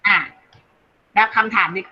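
A woman teaching an English class online, explaining slowly in Thai and reading English phrases aloud. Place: online video call. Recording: dull lo-fi call audio, faint noise.

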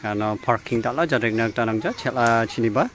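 A young man with a mid-range, fairly bright voice talks fairly quickly while hosting a casual vlog beside a rural fish pond. Holding his phone at arm's length, he chats outdoors and explains directions.

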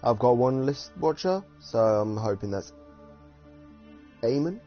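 A man's voice: medium pitch, animated, unhurried, soft background music. A man from the UK giving rambling, giggly casual commentary while streaming a game. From United Kingdom. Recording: dull lo-fi streaming audio.

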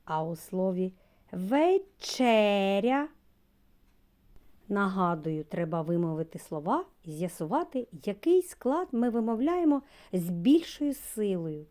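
A woman's voice: on the low side, animated, warm tone. A woman kindergarten teacher from Ukraine giving a recorded lesson to preschoolers, speaking to them directly. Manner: slow, sing-song, addresses children directly.

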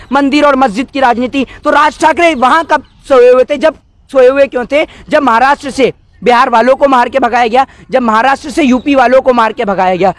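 During a heated political street interview outdoors by a wall, a man in his 20s indignantly asks one rhetorical question after another. His pitch is extremely high. A cluster of close-held handheld news mics captures him with no echo.

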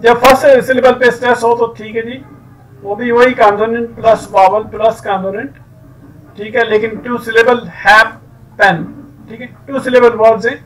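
A man teaching an English grammar lesson, explaining rules with many fillers and reading example sentences slowly. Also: very high-pitched, flat delivery, far from the mic, low-quality recording.

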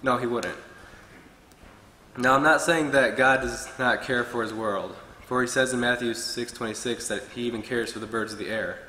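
A young man preaches earnestly from his notes at a pulpit. His voice is bright and forceful. The sound carries a long reverb from a large, echoey church hall. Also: mid-range voice, normal speed, a little hiss or hum. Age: young adult. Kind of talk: sermon. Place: church hall with wood-paneled walls.

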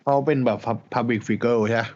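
A man's voice: mid-range voice, fairly even intonation, measured pace, darkish tone, highs cut off, a little hiss or hum. Man making blunt remarks. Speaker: podcast co-host. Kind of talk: casual chat.

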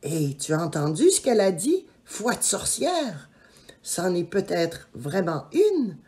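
A woman's voice: fairly low pitch, sing-song, unhurried, darkish tone. A woman voicing a teasing young boy. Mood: sarcastic. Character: cheeky, cautious young boy.

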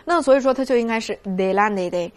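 A woman teaching a vocabulary lesson, asking constant rhetorical questions and drilling words slowly. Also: on the high side. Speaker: Spanish language teacher.

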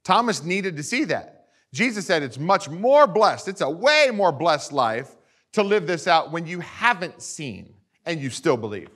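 A male pastor preaching a sermon to his congregation, animated and often asking them for agreement. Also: a little high, a little slow.

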